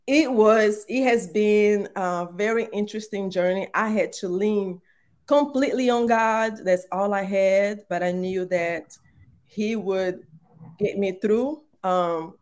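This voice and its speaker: This woman takes her time, her voice medium in pitch. A Portuguese native speaker with a Brazilian Portuguese accent, she appears as a podcast guest telling her story in casual interview style. Her manner is warm, earnest, and faith-driven, filled with frequent fillers.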